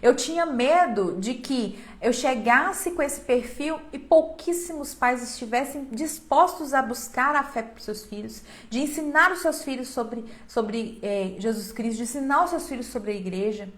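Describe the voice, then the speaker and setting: Brief: young Brazilian woman, high voice, earnest and moved, casual live-stream talk on a phone. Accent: Brazilian Portuguese. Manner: emotional, earnest, with many restarts and soft laughs.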